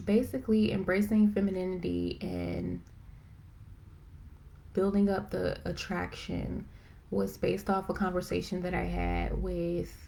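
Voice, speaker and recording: A woman with a gravelly, fairly low voice hosts a live video chat about faith, streaming from a phone or computer. Chatty and excited, she rambles with many fillers and describes herself as a fast talker.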